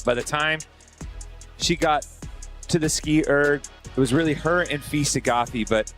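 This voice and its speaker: A man's voice: medium pitch, a bit bright. Male sports analyst on live broadcast, mid-range voice, light music bed.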